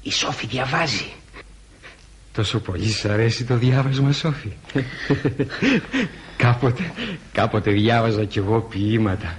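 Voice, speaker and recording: A man's voice: lowish voice, long pauses, background noise, close to an everyday voice. A man playing a maudlin drunk old painter. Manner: slurring, maudlin and wheedling. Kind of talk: radio drama acting.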